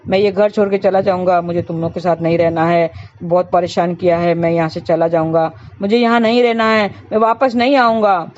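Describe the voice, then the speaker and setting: A woman's voice: lowish voice, flat delivery, fairly quick, few pauses, darkish tone, a little hiss or hum, lightly acted. A woman voicing an angry, fed-up husband who repeats himself, in a slightly dull recording. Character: hot-tempered desperate middle-aged husband.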